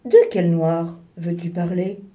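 A woman's voice: on the low side, flat delivery, takes it slowly, mellow. A woman voicing a stubborn polar bear in a storybook reading, speaking earnestly and insistently.

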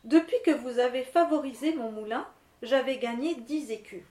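A woman's voice: high-pitched, normal speed, darkish tone, roomy sound, lightly acted. Woman playing a timid pleading miller. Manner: stammering, deferential. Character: timid poor male miller, humble and pleading.

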